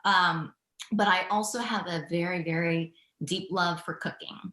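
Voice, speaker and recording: This is a woman in her forties from Thailand, telling her founder story in a relaxed interview. She speaks reflectively and laughs easily, with a slightly low voice. The room around her sounds echoey. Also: a little slow. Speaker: guest, business founder. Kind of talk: casual interview answers.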